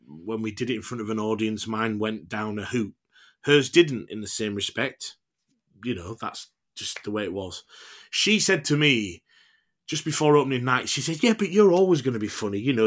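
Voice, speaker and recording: A man's voice: fairly low pitch, fairly bright tone. A man in his thirties with a Yorkshire accent, talking informally and reflectively in a candid interview. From Yorkshire, England. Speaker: actor, podcast guest.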